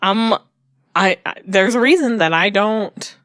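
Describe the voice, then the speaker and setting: A woman's voice: mid-range voice, measured pace, fairly bright tone, clear, resonant tone, dry recording, clean studio sound. A woman hosting a casual book podcast, rambling and correcting herself as she talks. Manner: rambling, restarts and self-corrections. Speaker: podcast host. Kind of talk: casual chat about books.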